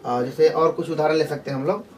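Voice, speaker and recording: Recorded from afar with faint outdoor sounds and slight background noise, a man from Jharkhand teaches grammar casually, repeating himself, restarting, and using many fillers. His tone is steady and a little mellow, on the high side, and he talks quickly.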